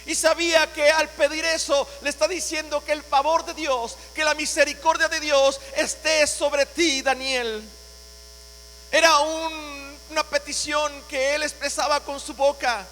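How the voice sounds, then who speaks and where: A man delivers a sermon in a strikingly high, bright tone, dramatizing the words of scripture. His voice rings through a church hall with a long echo. A faint electrical hum sits underneath. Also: flat delivery, unhurried. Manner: dramatic preaching, voicing scripture with rising intensity. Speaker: pastor.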